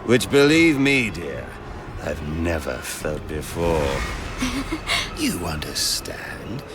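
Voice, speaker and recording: A man's voice: deep voice, huge pitch swings, drawn-out words, exaggerated voice. A man playing a manic, menacing, giddy clown-like villain in a video game, theatrical and erratic, given to cackling. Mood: giddy, insinuating. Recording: music under the dialogue. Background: loud dramatic music.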